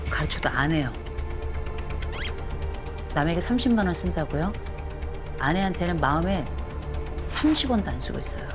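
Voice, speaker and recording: A middle-aged woman counseling a couple on television, stern and lecturing, repeating her instructions firmly. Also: fairly low pitch. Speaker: marriage counselor. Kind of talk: blunt counseling session on TV.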